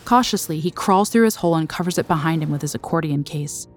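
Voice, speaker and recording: Low-voiced woman narrating a documentary. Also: faint music behind. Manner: measured, dramatic storytelling. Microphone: studio voice-over.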